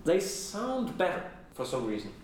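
A composer from Denmark talks through his piece in halting, hesitant speech full of pauses. He is heard from a distance in a strongly echoing room. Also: high-pitched, wildly swooping pitch, slight background noise. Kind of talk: casual explanatory interview. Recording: echoey room, mic far off.

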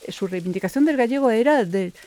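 A middle-aged woman from Galicia, a poet, speaking reflectively in an interview and pausing often with fillers and restarts. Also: on the high side, expressive, mellow. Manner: thoughtful, pauses with fillers and restarts.

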